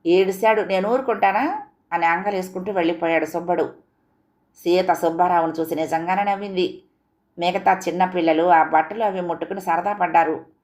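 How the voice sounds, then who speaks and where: A woman narrating a short story in a lively, expressive reading voice. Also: fairly low pitch, brisk.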